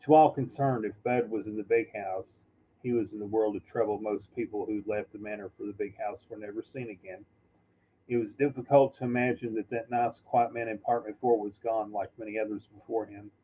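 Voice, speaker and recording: A man reading a novel aloud in a halting, unpolished way, often stumbling and correcting himself. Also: fairly low pitch, steady tone, husky, narrow, tinny audio. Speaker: reader. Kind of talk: amateur audiobook reading.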